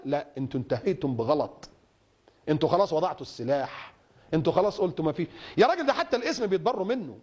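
A man with an Egyptian Arabic accent delivers a fiery sermon, his somewhat high voice leaping up and down with great animation. He speaks quickly and rhetorically, firing questions and repeating words for emphasis. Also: darkish tone. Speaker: preacher. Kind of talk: impassioned sermon.

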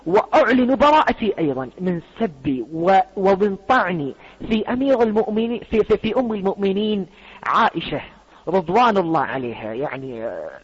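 A man's voice: sits high, animated, brisk, breathy edge. A man making an earnest spoken declaration, repeating oaths and restarting words. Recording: muffled lo-fi audio.

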